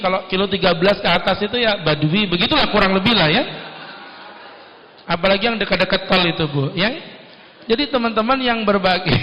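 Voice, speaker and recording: High-voiced joking male preacher in echoey hall. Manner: lively, joking, plays many voices. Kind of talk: humorous Islamic sermon. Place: company ballroom event. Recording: echoey ballroom through dull PA.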